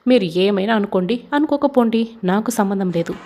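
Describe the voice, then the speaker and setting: A woman with a gravelly voice voicing a stern middle-aged father who scolds firmly. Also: medium pitch, animated, fairly quick, a little mellow, lightly acted. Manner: scolding, firm.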